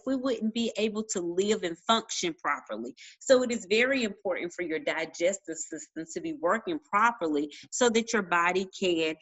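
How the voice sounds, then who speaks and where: Woman, teacher, playful, chatty, talks to kids, slightly low voice. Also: fairly bright tone, poor audio. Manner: chatty, talks while chewing a cracker; playful, addresses kids as boys and girls. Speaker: science teacher. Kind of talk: casual online lesson.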